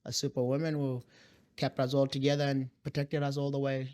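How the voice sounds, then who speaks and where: Speaking as an interview guest, a young man from South Sudan, a native Dinka speaker, recounts his life with many pauses, fillers and false starts. His mid-range voice has a darkish tone and a completely flat delivery.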